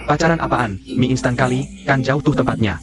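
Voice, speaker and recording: A man dubbing a calm male lead in a TV drama, speaking steadily and reassuringly. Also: mid-range voice, brisk, close to an everyday voice. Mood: dismissive. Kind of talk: dubbed TV drama acting. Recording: drama music playing underneath.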